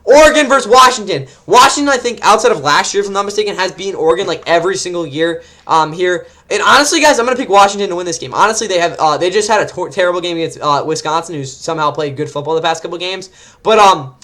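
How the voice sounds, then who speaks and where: A young man, rambling excitedly through casual sports predictions as host, often correcting himself mid-sentence. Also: sits high, fast.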